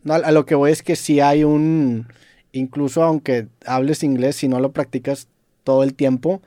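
A man's voice: a little high, fairly even intonation, moderate pace, mellow, dry recording, studio quality. A man with a Mexican accent, hosting a podcast in casual chat, full of slang like "güey". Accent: Mexican Spanish. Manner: slangy, says "güey" often. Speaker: podcast host.

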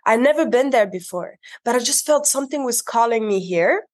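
A woman's voice: on the high side, expressive, fairly quick. A young woman from Morocco, a podcast guest telling her life story in a conversational, reflective way.

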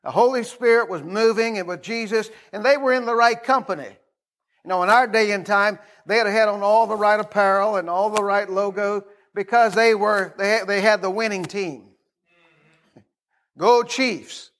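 This middle-aged American pastor has a strikingly high voice and preaches in a relaxed, folksy style that sounds more like conversation than a formal address. He repeats phrases and invites his listeners to answer back. His pace is moderate and his tone fairly bright.

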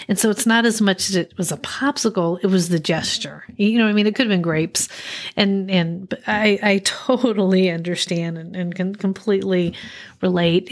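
A middle-aged woman with a mid-pitched voice, hosting a casual interview. She talks with empathy and often restarts her sentences eagerly. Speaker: host, parent of a child with food allergies.

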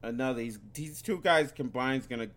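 Male co-host, mid pitch, loose rambling delivery, uneven mic distance. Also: brisk, a bit bright. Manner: loose, rambling, trips over words. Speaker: podcast co-host. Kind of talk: casual sports picks chat. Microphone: drifts on and off mic.

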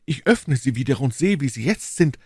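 Lovesick ardent duke read by a man, husky, dry mic. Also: mid-range voice, expressive, normal speed, no echo. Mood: fervent. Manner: fervent, swelling declarations. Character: passionate lovesick English duke, ardent and insistent. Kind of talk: audiobook reading of a classic novel.

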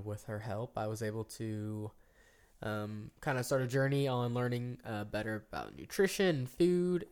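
A man in his early thirties co-hosting a casual podcast, talking in long rambling stretches with frequent ums and restarts that jump into animated bursts. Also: medium pitch, clean tone. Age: 30s. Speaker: podcast co-host. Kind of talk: casual chat.

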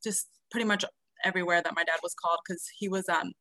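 A woman in her thirties, raised in South America, answering interview questions softly with many hesitant ums. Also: fairly low pitch, fairly even intonation, quick pace, no echo. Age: 30s. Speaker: podcast guest, nurse.

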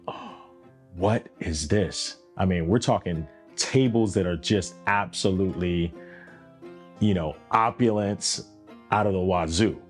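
Young male host, low voice, unhurried personal storytelling over faint guitar. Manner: conversational, reflective, drawn-out emphasis. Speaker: podcast host.

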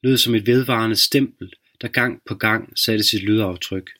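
A man hosting a podcast, reading a dark short story aloud in a slow, measured narration. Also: fairly low pitch. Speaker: podcast host and reader.

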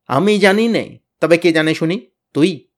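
A man voicing a bossy, blustering teenage boy who leads his gang, loud, threatening and boastful. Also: a little high, normal speed, lightly acted. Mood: bullying. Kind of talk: storybook reading.

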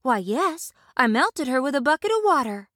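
A woman voicing a determined young girl who speaks in an eager, high voice. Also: big pitch swings, normal speed, fairly bright tone, dry recording, studio quality, full character voice. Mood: earnest.

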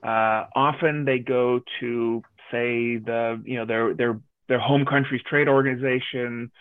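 A man's voice: medium pitch, steady tone, unhurried, no echo. A man from Denmark, a guest business advisor, answering interview questions in a direct, emphatic way over a video call. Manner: direct, emphatic, lists points. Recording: tinny phone-like line.

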